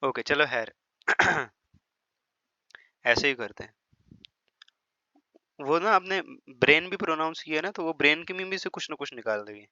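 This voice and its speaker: Speaking at a fairly high pitch with lively intonation and a sharp tone, a man delivers a chatty biology lecture in Hindi-English, teasing students and frequently confirming they follow. He over-stresses words slowly when demonstrating pronunciation. The recording is dry, lo-fi and slightly dull.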